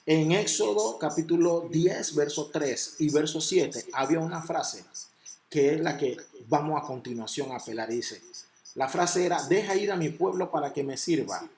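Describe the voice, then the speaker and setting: A man preaching a sermon, reading scripture slowly and building to loud, emphatic exhortation. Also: a little high.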